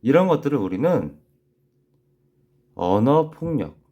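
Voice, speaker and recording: A man teaching young children in a recorded class, gently repeating key phrases slowly so they can write them down. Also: medium pitch, big pitch swings, muffled recording. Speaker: elementary school teacher.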